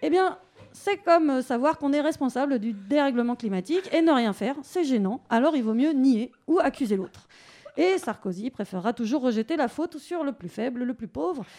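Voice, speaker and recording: A young woman delivers a biting satirical column on the radio, her voice sitting a little high yet mellow and soft-edged. She talks in a studio with a mocking, sarcastic bite. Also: animated, brisk.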